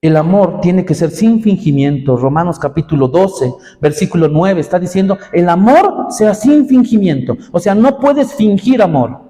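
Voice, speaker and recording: A man preaching a sermon to young people, impassioned and rising in pitch for emphasis. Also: expressive, normal speed, hardly any pauses, warm tone, in a large hall. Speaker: pastor. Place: church.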